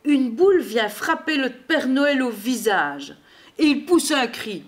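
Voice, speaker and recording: A woman reading a children's Christmas storybook aloud in an expressive, measured way. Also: high-pitched.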